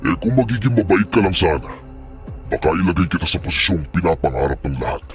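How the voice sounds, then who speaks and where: A man's voice: low-pitched, sing-song, fast talker, faint music behind. A man voicing a cruel, scheming male aswang chief in an audio drama who mocks and threatens a captive. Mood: taunting. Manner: taunting, threatening, mocking.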